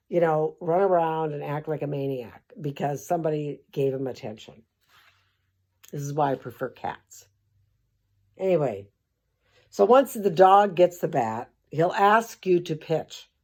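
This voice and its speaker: A woman's voice: sits low, mellow. An older woman reading a children's book aloud and breaking off into sarcastic, rambling asides with mild swearing. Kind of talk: comic storybook commentary.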